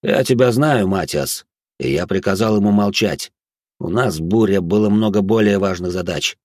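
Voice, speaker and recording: Man doing a grim stern boss type, lowish voice, dry audiobook. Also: a little mellow, no room sound, lightly acted. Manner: grim, measured. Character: stern older male leader, grim and commanding.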